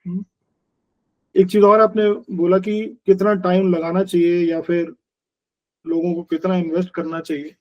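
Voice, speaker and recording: एक साठ वर्षीय पुरुष योग शिक्षक, जो एक बातचीत में गंभीरता से समझाते हुए हिंदी और भारतीय अंग्रेज़ी मिलाकर बोलते हैं।. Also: male voice, high voice, flat delivery, normal speed, long pauses, muffled recording. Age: 60s. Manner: earnest, explanatory, mixes Hindi and English, uses everyday analogies. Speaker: yoga teacher. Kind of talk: conversational interview.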